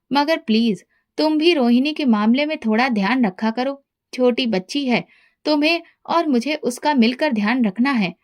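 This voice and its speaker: A tender, coaxing young husband and father speaks gently in a storybook reading, as a woman reads him in her own high voice. His manner stays loving and patient. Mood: pleading.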